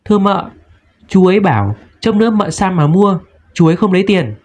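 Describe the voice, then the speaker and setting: A man's voice: high-pitched, sing-song, fairly quick, a little mellow, pitched above the performer's own voice. A man voicing a small, clingy little boy who pleads sweetly in a childlike way. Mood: coaxing. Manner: coaxing, childlike. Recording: dull lo-fi recording.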